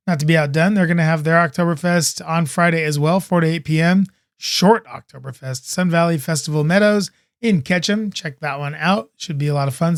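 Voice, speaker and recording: A man hosting a laid-back podcast, with a voice pitched slightly higher than most men's. He talks in an upbeat, rambling way, often wandering off into little asides. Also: dry recording, studio quality. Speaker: podcast host. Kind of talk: casual chat.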